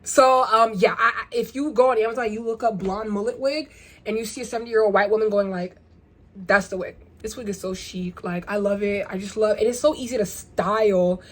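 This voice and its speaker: A young woman talking casually to her viewers in a rambling, animated vlog, firing off rhetorical questions. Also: medium pitch, a little fast. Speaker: vlogger. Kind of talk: casual get-ready-with-me vlog.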